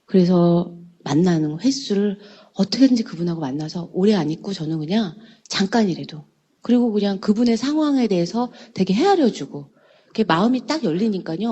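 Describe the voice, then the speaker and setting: Woman doing a motivational seminar talk, husky voice, pitch jumps all over, keeps firing questions at the crowd. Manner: animated, acts out quoted people; addresses audience with rhetorical questions. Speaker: seminar speaker.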